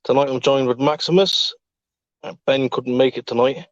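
A man's voice: mid-range voice, normal speed, no echo. Male podcast host, easygoing chat, dry and slightly dull call audio. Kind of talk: casual chat.

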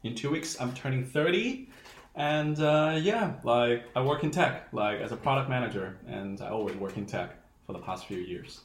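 Relaxed man in his late twenties, echoey room. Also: mid-range voice, normal speed. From China. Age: 20s. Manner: relaxed, many "like" and "you know" fillers. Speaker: podcast guest. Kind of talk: casual podcast conversation.

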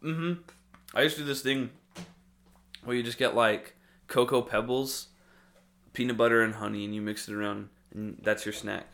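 A man's voice: mid-range voice, steady tone, normal speed, gravelly, pauses often, fairly bright tone. A young man hosting a casual chat, rambling with lots of fillers and restarts and laughing often. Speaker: host.

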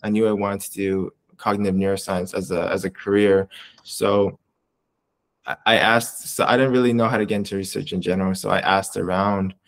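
A young man from Canada, a research coordinator answering interview questions in a casual, rambling way with many fillers and restarts. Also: fairly low pitch.

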